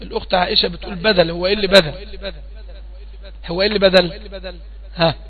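A man's voice: high voice, fairly even intonation, fast talker, narrow, tinny audio. A man with an Egyptian accent teaching Quran recitation rules, patiently asking students questions and repeating each point. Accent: Egyptian Arabic. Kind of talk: online tajweed lesson.

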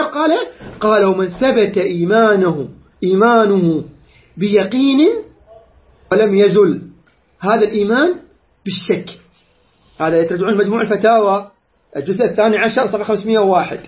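High pitched guy lecturing on religion, earnest, cites books, muffled lo-fi audio. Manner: earnest, explanatory, cites sources.

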